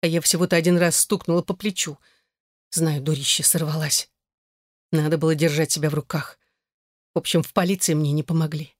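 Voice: mid-range voice, steady tone, a little fast, dry recording, close to an everyday voice. A reader voicing a desperate young mother in an audiobook, close and dry. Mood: distraught. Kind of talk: audiobook character reading.

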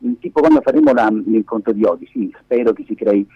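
On the radio, a middle-aged media activist and lab director talks fast in a husky, lowish voice with lively rises and falls. He explains emphatically and digresses often in spontaneous conversation, speaking into a phone held against his face, so the audio is dull and echoey.

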